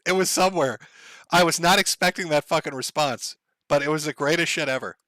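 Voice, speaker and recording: A man hosting a livestream, reading viewer donations out loud and telling stories in a casual, profane way, often laughing. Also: a little high, a little fast, no room sound. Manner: profane, laughing, rambling storyteller.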